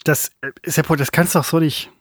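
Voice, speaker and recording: A man's voice: on the high side, fairly even intonation, fairly quick, no room sound, studio quality. A man co-hosting a podcast in casual banter, indignant and flustered, protesting and restarting his sentences. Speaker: podcast co-host.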